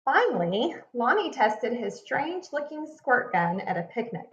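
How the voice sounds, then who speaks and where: A highish-voiced teacher reads a children's picture book aloud, telling the story expressively and deliberately with emphasis. The room is echoey and the sound slightly muffled.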